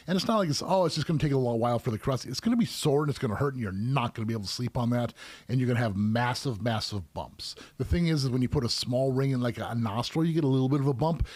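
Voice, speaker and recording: A middle-aged man with a mid-range voice talks through piercing advice in a relaxed, rambling way, full of fillers and asides. The recording is dry and close, with no room sound. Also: medium pitch, quick pace, dry recording. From United States. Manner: easygoing, explains at length with many fillers. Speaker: professional piercer hosting a live Q&A. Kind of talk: casual live-stream chat.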